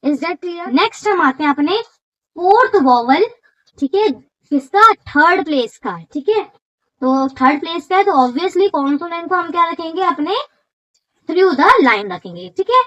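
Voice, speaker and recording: A woman's voice: very high-pitched, big pitch swings, normal speed, fairly bright tone, lo-fi sound. A woman teacher explaining a shorthand lesson step by step, often checking whether her students follow.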